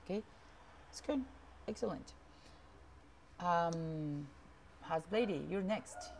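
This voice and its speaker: Low, slow, gravelly woman teaching. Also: darkish tone, slight background noise. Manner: repeats words slowly to model pronunciation; switches between English and Spanish. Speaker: English teacher. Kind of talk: online English class.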